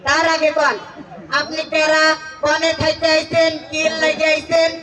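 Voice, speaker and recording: A woman's voice: high voice, monotone, unhurried, fairly bright tone. A woman playing a brash, suspicious villager in hammy folk theatre, with a rural Bangladeshi accent. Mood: suspicious, scolding. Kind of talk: hammy folk stage acting. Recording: echoey stage from far off, music and crowd.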